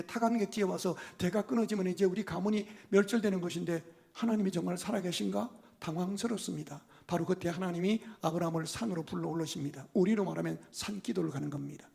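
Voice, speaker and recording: A man preaching a sermon as pastor, telling the story lively and acting out the dialogue, dropping to a hush and rising to loud bursts. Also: sits high, creaky. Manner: storytelling preacher who acts out dialogue, swinging from hushed to loud.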